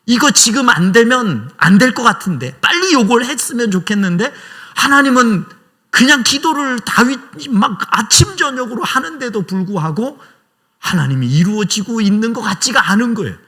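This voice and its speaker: A man's voice: extremely high pitch, sing-song, normal speed, sharp tone. A male pastor preaching a conversational, emotional sermon in a small church, acting out prayers aloud.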